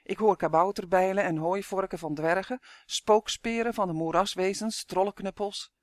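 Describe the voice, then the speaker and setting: A man voicing a gruff, sharp-eared gnome man with a growling, commanding manner. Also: high voice, steady tone, normal speed, no room sound, studio quality, close to an everyday voice. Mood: reporting.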